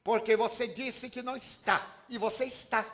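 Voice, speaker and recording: A man voicing a cheeky, defiant little boy who accuses an adult of lying in a shrill, triumphant tone. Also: fairly even intonation, moderate pace, fairly bright tone. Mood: accusing. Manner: accusing, triumphant and high-pitched.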